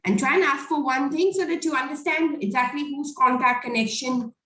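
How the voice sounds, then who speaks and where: Brisk female meeting host, slightly high voice, echoey room sound. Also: a bit bright. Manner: brisk, directive, coaching. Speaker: host of a business networking call. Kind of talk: casual online meeting moderation.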